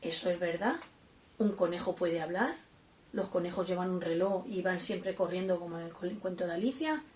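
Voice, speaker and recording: A woman's voice: fairly low pitch, normal speed, a little mellow, a little hiss or hum. A woman teacher giving a step-by-step lesson to young children, patiently explaining and asking them questions. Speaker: primary school teacher. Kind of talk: home-learning lesson for children. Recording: roomy, from a distance.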